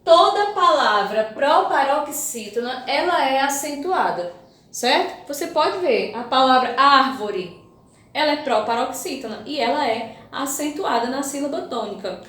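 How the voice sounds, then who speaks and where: A woman teacher giving a recorded lesson to grade-school children, reading words slowly with clear stress. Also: high-pitched, expressive, a bit bright. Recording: echoey room.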